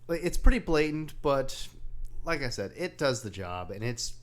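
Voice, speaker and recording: A man co-hosting a casual film podcast, talking in a relaxed, halting way with many fillers. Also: medium pitch. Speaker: podcast co-host.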